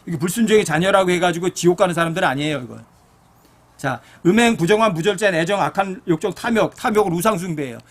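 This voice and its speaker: A man's voice: high voice, fast talker. A middle-aged man, a pastor, preaching a blunt, earnest sermon full of personal stories.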